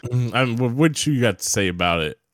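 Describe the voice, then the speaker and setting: A man's voice: medium pitch, expressive, moderate pace, no room sound, studio quality. A young man co-hosting a podcast, chatting casually and profanely about movies in a rambling, laid-back way. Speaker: podcast co-host. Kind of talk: casual movie-review chat.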